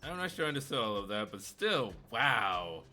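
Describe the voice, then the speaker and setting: Male streamer, lowish bright voice, casual gaming commentary, thinking aloud, music behind. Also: big pitch swings, normal speed. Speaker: streamer playing a game.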